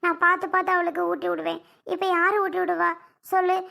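A woman's voice: very high-pitched, little pitch movement, fast talker, creaky, pushed and bright, heavily acted. A woman playing an anxious young mother who insistently pleads to go back to her child, in an amateur family drama skit. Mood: pleading.

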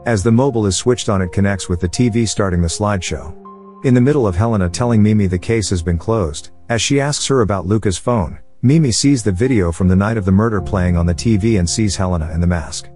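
A man reading a scripted movie recap as narrator, with a steady, even storytelling delivery. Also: fairly low pitch, quick pace, faint music behind.

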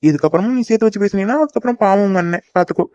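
A man's voice: high voice, rapid-fire, a little mellow, clear, resonant tone, lo-fi sound, close to an everyday voice. A man voicing a teasing cartoon boyfriend. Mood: teasing, coaxing. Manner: teasing, coaxing. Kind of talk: cartoon voice acting.

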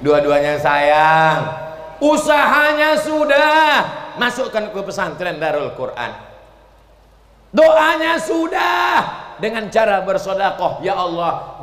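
A high-pitched man preaches to a crowd, lively and animated, now and then rising to a shout. His voice rings through a big hall with a long, echoing tail. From Riau, Indonesia. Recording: echoey hall with long reverb.

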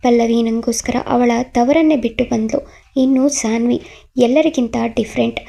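A woman's voice: a little high, steady tone, normal speed, vocal fry, dark tone. A woman voicing a patient young man who lectures his friend in anger, in a story reading. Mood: earnest reproach. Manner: lecturing, reproachful. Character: patient young man, suddenly angry defender.

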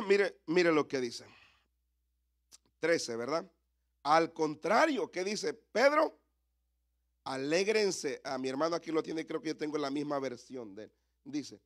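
A man in his thirties preaches at a church service, his voice sitting a touch high. He keeps turning to the congregation with rhetorical questions and calls for their response. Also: fairly bright tone. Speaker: pastor. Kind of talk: sermon.

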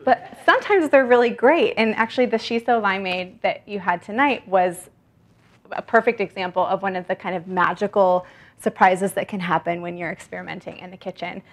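A woman's voice: mid-range voice, brisk. Chatty woman author showing produce. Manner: chatty, gestures while talking, shows produce. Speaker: guest author. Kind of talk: casual talk at a library event. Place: library event room, indoors.

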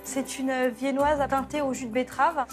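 A woman's voice: sits high, level tone, moderate pace, soft background music. A young woman working as an apprentice shop assistant presents the products, listing them carefully with small hesitations. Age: young adult. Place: inside a bakery shop.

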